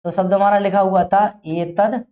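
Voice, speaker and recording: A man's voice: high-pitched, level tone, normal speed. A male teacher giving a grammar lesson in a classroom, quizzing his students by asking the same questions again and again. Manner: drills students with repeated questions. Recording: dull lo-fi recording.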